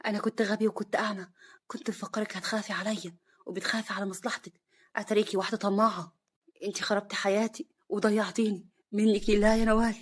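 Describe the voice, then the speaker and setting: A woman voicing an angry, regretful husband who shouts and speaks firmly, in a husky voice. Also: medium pitch, fairly even intonation, racing, natural voice. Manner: shouting, firm.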